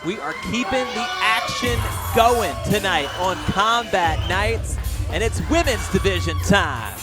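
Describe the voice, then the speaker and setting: A man doing live pro wrestling play-by-play commentary, excited and emphatic, raising his voice to a shout on big moves. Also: high voice, unhurried. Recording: loud crowd and music behind. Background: live event crowd and music.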